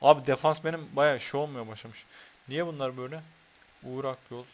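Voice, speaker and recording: A gaming YouTuber with a medium-pitched voice talks a little fast as he commentates on the football video game he's playing. He addresses the players on screen, swears, and gets heated about fouls, with slight background noise behind him.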